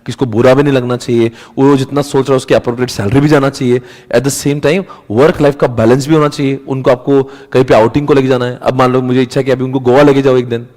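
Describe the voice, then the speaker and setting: A man's voice: mid-range voice, steady tone, fast, a little mellow, long reverb tail. A man teaching a casual lecture in a chatty, conversational way, acting out little quotes as he goes. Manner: chatty, mixes Hindi and English, acts out quotes.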